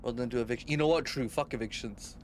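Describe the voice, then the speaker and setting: A man's voice: mid-range voice, racing, slight background noise. A young man streaming a game, chatting casually with viewers and swearing a lot. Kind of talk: casual live-stream chat.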